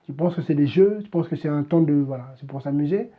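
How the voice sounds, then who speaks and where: Preaching on a livestream and fielding chat questions, this man speaks fairly quickly in a voice on the high side, exhorting directly, repeating himself, and saying "voilà" again and again. The audio is narrow and tinny.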